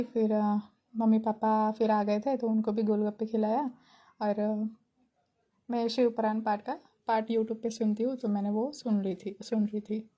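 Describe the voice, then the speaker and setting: A woman's voice: on the high side, warm tone, dull audio. Giggly young woman sharing a devotional story. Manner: chatty, giggly, grateful. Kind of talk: casual spoken testimony.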